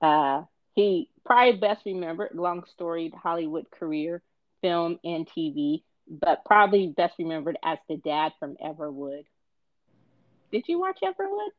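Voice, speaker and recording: A man co-hosting a casual pop culture podcast, chatty and animated, joking about his game show voice. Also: a little high, normal speed, dry recording, highs cut off. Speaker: podcast co-host.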